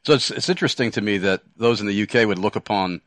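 A man hosting a radio show, relaxed, chuckling often and using hesitant fillers. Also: on the low side, fast talker, no echo.

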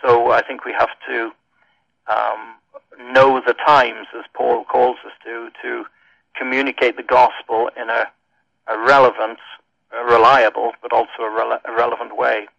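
Gravelly Welsh man on dull radio audio. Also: mid-range voice, little pitch movement, fairly bright tone, no room sound. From Wales. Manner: thoughtful, pauses with many ums. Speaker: minister and radio guest. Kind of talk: radio interview answer.

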